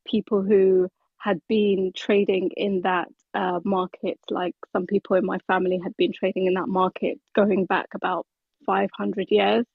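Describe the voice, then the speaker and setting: A woman from Somaliland speaking in a casual group discussion, steady with frequent "um" pauses, over a video call. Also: medium pitch, vocal fry, husky, dry recording. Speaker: guest speaker. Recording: tinny phone-like online call audio.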